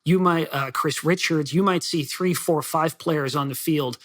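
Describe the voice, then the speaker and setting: A man who grew up in the Netherlands and Belgium, a soccer writer being interviewed, talking quickly and casually with fillers and restarts. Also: on the high side, fairly bright tone. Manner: fast, chatty, with many fillers and restarts. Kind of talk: podcast interview.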